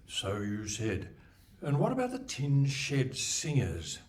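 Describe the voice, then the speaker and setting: Acting in a live radio play, a man portrays a pompous, wry radio presenter, bantering theatrically before an audience in a hall. His medium-pitched, darkish voice swings hugely in pitch and he takes things slowly. Faint noise from the live hall is audible.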